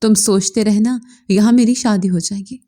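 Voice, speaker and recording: A tearful young bride in a storybook romance, stubborn and desperate as she pleads, voiced by a woman narrator. The tone is mellow and warm. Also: mid-range voice, steady tone, moderate pace, natural voice.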